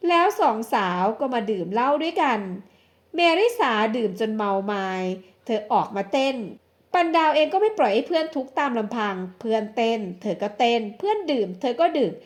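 A woman host giving scripted, gentle narration of a bedtime storybook drama and closing politely. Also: a little high, big pitch swings, brisk.

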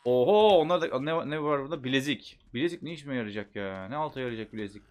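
A man giving casual gameplay commentary, chatting to himself and bursting into loud shouts at the game. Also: mid-range voice, expressive, quick pace, a little hiss or hum. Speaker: gameplay streamer.

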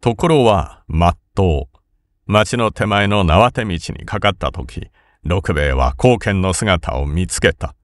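Male audiobook narrator; low, animated delivery; dry studio read. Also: dry recording. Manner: measured, expressive storytelling. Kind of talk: scripted literary narration.

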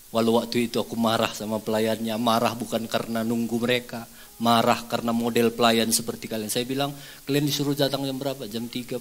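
A male pastor, preaching through a story, swinging between loud and hushed. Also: medium pitch, slight background noise. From North Sumatra, Indonesia. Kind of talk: sermon.

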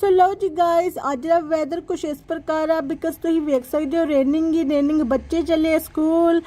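A woman's voice: extremely high pitch, fairly even intonation, normal speed, warm tone, poor audio. A woman with a Punjabi accent chatting casually to viewers in a daily vlog, mixing in English phrases. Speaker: vlogger. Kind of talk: casual chat to viewers about daily routine.

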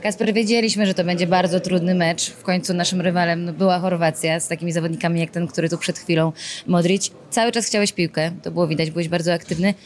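A young female sports reporter asking lively, probing post-match questions into a handheld microphone. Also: lowish voice, fast talker. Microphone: handheld broadcast mic.

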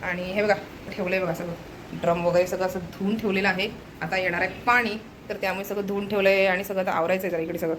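A woman's voice: medium pitch, fairly even intonation, quick pace, fairly bright tone. A woman chatting to viewers in a casual home vlog, showing what she cooks. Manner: chatty, addresses viewers as friends, shows food. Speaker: vlogger. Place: home kitchen. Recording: home video with noise.

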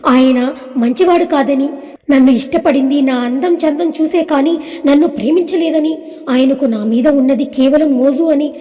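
A woman storyteller voicing a heartbroken young woman who speaks softly and haltingly. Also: high-pitched, big-room sound, close to an everyday voice. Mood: grieving.

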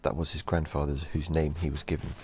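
A man narrating a horror story in a slow, measured storytelling delivery. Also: a bass voice, level tone.

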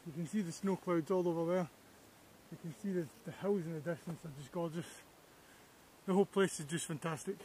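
A Scottish man with a slightly high voice talks straight to the camera as he walks a snowy hillside, eager one moment and musing the next. A faint hiss from the outdoor camera mic sits under his voice. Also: fairly quick, a little mellow. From Scotland. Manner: enthusiastic, reflective, talks to camera while walking. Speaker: landscape photographer vlogger. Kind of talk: outdoor walking vlog.

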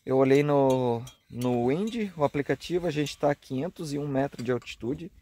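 This easygoing travel vlogger, from Rio Grande do Sul with a southern Brazilian accent, narrates casually at a moderate pace in a dark-toned, mid-range voice. He's chatty and keeps adding tag questions, filming himself at arm's length on a grassy hilltop campsite and, earlier, inside a car at night.

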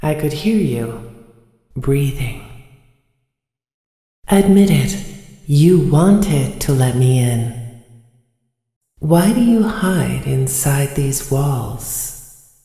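A woman voicing an eerie robot ballerina in a game, speaking in a slow, dreamy, teasing way. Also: rumbling low, expressive, dark tone, echoey room, in a large hall, faint music behind, heavily acted.

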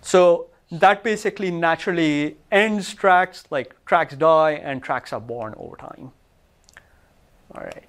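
A man's voice: a little high, a little slow, a bit bright, smooth. A man presenting research in a lecture room, walking listeners through results on his slides in a technical talk.

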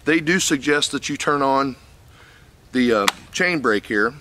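A man's voice: mid-range voice, lively intonation, unhurried. Older man, folksy how-to talk, mid-range voice, outdoors, faint background noise. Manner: plain folksy explaining with fillers and repeats. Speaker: channel host reviewing a chainsaw. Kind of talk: casual how-to demonstration. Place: outdoors in a wooded lot.

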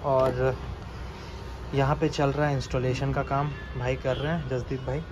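Holding an action camera, an Indian vlogger and host chats informally to viewers inside a small motorbike accessory shop, explaining things and repeating the key points. His voice is medium-pitched and level, with a measured pace. The room is noisy, and the ambient sound comes through clearly.

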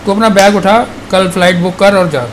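A man's voice: sits high, steady tone, brisk, a little hiss or hum. A middle-aged father at home, talking in a stern, scolding, threatening way. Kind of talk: family argument at home. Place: family home indoors.

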